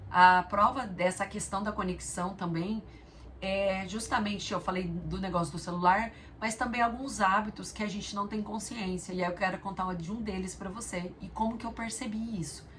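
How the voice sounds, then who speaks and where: A woman's voice: medium pitch, fairly even intonation, moderate pace, a bit bright, slight background noise. A woman and mother hosting a reflective spiritual talk, telling stories earnestly and speaking straight to the viewer. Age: adult mother of a young daughter. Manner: earnest, storytelling, addresses viewer directly. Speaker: spiritual video host.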